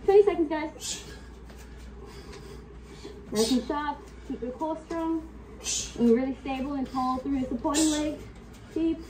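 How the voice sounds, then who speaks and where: Sniffling with a cold, a high-voiced woman coaches a kickboxing class live from a home workout room. Her delivery is brisk: counting time, calling cues, issuing commands. A far-off camera mic captures it along with faint noise in the room.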